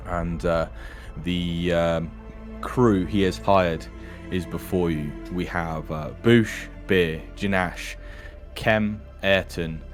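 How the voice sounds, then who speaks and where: A man hosting a tabletop role-playing session as dungeon master, introducing the players in a chatty, laid-back way. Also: low voice. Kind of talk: casual tabletop game introduction.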